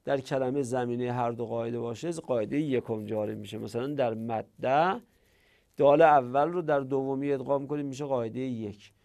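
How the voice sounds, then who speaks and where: A man's voice: medium pitch, vocal fry, a little mellow. A man teaching a grammar lesson, repeating word forms and arguing with imagined students. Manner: explains with rhetorical back-and-forth, repeats word forms.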